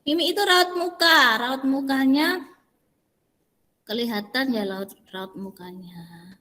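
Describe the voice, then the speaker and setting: A woman teacher speaks slowly and patiently to her online class, often modelling how words should sound. Her voice is somewhat high. A long reverb trails after her words. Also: animated, pushed and bright. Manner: patient, explains step by step, models intonation. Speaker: Indonesian language teacher.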